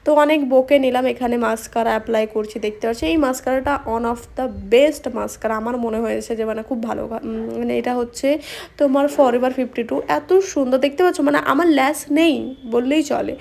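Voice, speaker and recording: A young woman, a makeup artist, chatting casually while doing her makeup, talking fast with many pauses and fillers. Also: a little high, creaky, a little mellow. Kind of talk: casual talk during a makeup tutorial. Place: home room with an open window. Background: street noise through the window.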